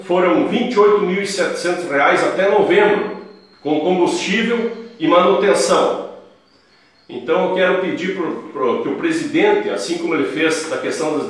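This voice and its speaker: Vereador falando pausado numa sala ecoante. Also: male voice, on the high side, far from the mic. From Brazil. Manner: formal, deliberate, with restarts and repeated phrases. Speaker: city councilman. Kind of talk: direct-to-camera statement. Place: small indoor office with tiled wall. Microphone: camera a few meters away, no mic. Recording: very echoey room, voice off-mic.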